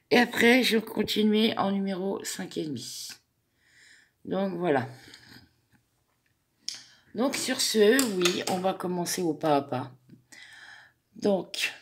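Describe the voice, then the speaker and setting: A crochet tutorial host walks viewers through a pattern step by step, counting every stitch aloud in a chatty, hesitant way. Her voice is on the low side with a gravelly edge, and she speaks slowly and unhurriedly.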